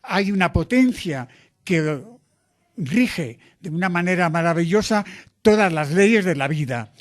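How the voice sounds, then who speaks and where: An older priest talks about his missionary work in a slow, earnest, explanatory way. His voice sits a little on the high side for a man. He lays out each point with care. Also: expressive.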